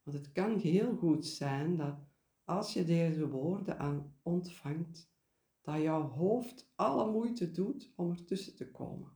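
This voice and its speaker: Slow, mellow male meditation guide. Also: a little high, animated, echoey room. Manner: gentle, deliberate, with pauses and repeated key words. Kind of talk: guided meditation, spoken reflection.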